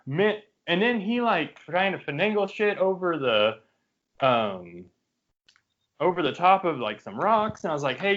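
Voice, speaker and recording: Profane, worked-up man telling a gaming story. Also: a little high. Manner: profane, animated storytelling with frequent fillers. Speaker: podcast co-host. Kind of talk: casual chat among friends. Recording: dull lo-fi podcast audio.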